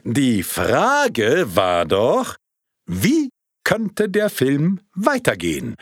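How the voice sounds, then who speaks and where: A man's voice: fairly high pitch, wildly swooping pitch, measured pace, dry recording, clean studio sound, voice pushed up, full character voice. A man voicing a jovial, portly male film projectionist who coaxes and calls an audience to order in a raised voice. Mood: coaxing. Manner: raised, coaxing, emphatic.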